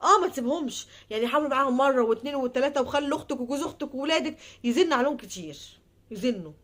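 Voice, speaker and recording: This Egyptian woman talks quickly in a high voice. She pleads and repeats herself, and her words sometimes fade into quiet murmurs. It sounds like a personal vlog that moves into advice. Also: animated. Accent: Egyptian Arabic. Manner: pleading, repetitive, trailing off into soft murmurs. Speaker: advice vlogger. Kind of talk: heartfelt personal monologue and advice.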